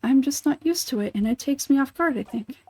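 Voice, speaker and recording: A woman voicing a quiet, weary young traveler from a game, speaking softly and hesitantly. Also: animated, a little fast. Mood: guarded. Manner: soft, hesitant, low-key.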